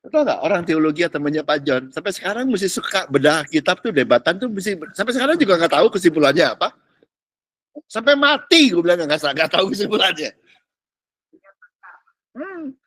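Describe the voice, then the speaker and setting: A man preaching an informal class, his voice sitting high and jumping around a lot. He talks in chatty, teasing bursts and keeps checking that people follow. The sound is close and dry. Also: fairly quick, no room sound. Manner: animated, colloquial, peppered with English words and "ngerti nggak?". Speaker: pastor. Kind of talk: informal teaching sermon.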